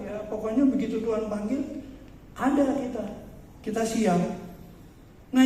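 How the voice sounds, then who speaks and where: A male pastor with a high, mellow voice delivers a sermon in a chatty way, turning often to his listeners with questions. The sound bounces around a large hall, and he is picked up from some distance away. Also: slight background noise. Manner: conversational preaching, addressing the congregation directly with rhetorical questions. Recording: echoey church hall, mic far off.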